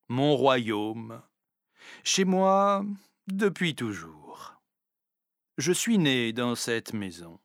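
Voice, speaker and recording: A man's voice: mid-range voice, a bit bright, no room sound, clean studio sound, full character voice. A man playing a wry old house cat. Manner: slow, wry storytelling with chuckles. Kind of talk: scripted storybook narration.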